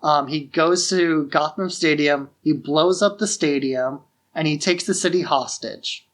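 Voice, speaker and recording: Speaking a little slowly in a mid-range voice, a podcast host casually recaps a film's plot. The delivery is friendly and explanatory, like walking a friend through the story.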